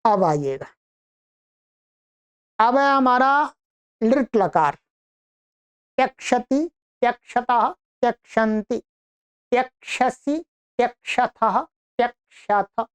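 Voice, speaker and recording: Slow, clear woman reciting verb forms. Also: a little high, animated. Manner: recites conjugations in a slow, measured list. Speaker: Sanskrit teacher. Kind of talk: online grammar lesson, reciting verb forms.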